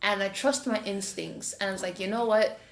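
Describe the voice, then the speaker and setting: A woman of medium pitch and moderate pace hosts a podcast in a Jamaican accent. Casually chatting, she tells a story and animatedly acts out the voices. The audio carries a roomy echo.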